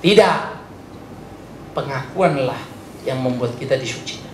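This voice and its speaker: A male pastor preaching a sermon, chatty and joking, swinging from soft asides to loud high exclamations. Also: expressive, a little slow. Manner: chatty, joking, mixes in English words. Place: church hall. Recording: roomy church hall, faint noise.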